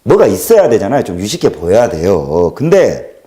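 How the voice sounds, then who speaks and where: Lively, animated man hosting a livestream. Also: fairly low pitch, moderate pace. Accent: Jeolla Korean. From Jeolla region, South Korea. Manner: animated, joking, swings between loud and quiet. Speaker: livestream host. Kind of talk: casual livestream monologue.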